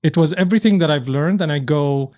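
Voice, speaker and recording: Here the Syrian businessman speaks fairly quickly, his slightly high voice carrying a darkish tone. He is a podcast guest in a casual interview, musing thoughtfully and restarting his sentences again and again.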